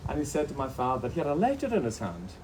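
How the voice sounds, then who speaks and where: A man's voice: medium pitch, wildly swooping pitch, quick pace, background noise. A Scottish man from the Outer Hebrides with a Hebridean accent, telling a family story on stage with chuckles and self-mockery. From Outer Hebrides, Scotland. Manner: anecdotal, chuckling, self-mocking. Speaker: author guest at a book event. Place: bookshop event with audience. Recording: distant mic, live audience.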